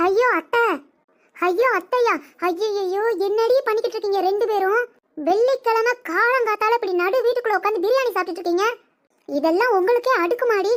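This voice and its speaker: Cartoon mother-in-law, older, shrill and scolding, played by a woman, very high voice. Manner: scolding, nagging, loud. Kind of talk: cartoon comedy voice acting.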